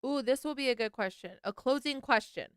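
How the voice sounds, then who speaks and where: A woman with a fairly high, crisp, resonant voice, talking with a co-host on a video call. She is candid and laughs often. Her mic sounds close and dry, with no room at all. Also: a little fast, fairly bright tone, no room sound. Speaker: podcast co-host. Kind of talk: casual chat.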